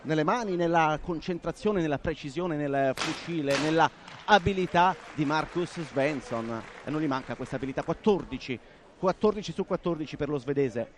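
A man's voice: fairly high pitch, moderate pace, background noise. A man giving live sports commentary in a partisan, dramatic way, repeating key phrases. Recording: outdoor venue with crowd behind.

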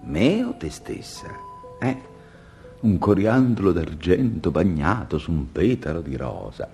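A man's voice: low voice, sing-song, unhurried, gravelly, dark tone, soft background music, full character voice. A man playing a male guardian in a comic sketch, speaking with teasing irony. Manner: ironic, teasing. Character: wry male guardian of a sleeping couple. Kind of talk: comic radio sketch acting.

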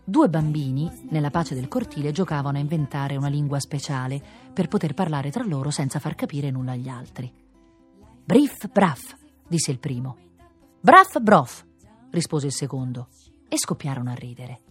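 A woman's voice: very deep voice, fairly quick, mellow, faint music behind. A woman reading children's stories aloud on radio, playful and sing-song. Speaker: storyteller.

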